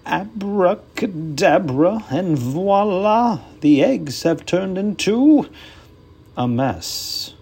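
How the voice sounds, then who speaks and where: A storybook reader voicing a greedy, bumbling male stage magician with slow, theatrical showman patter. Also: medium pitch, lively intonation, mellow, breathy edge, pitched above the performer's own voice, full character voice. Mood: showy. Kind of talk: storybook character voice.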